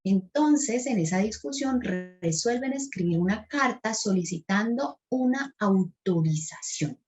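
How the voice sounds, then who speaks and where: A Colombian woman teaching a teacher-training workshop, retelling a classroom example in a lively way and acting out the voices of the children and the teacher. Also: medium pitch. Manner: animated, acts out the children and teacher in quotes.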